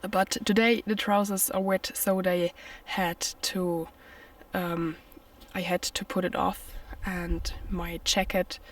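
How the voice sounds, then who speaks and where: Distant mic, woman, non-native English, slow hesitant speech, casual camping vlog, outdoors in a night storm. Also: lowish voice, flat delivery. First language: not English. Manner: hesitant, simply worded explaining. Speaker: solo camping vlogger. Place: forest camp at night during a storm.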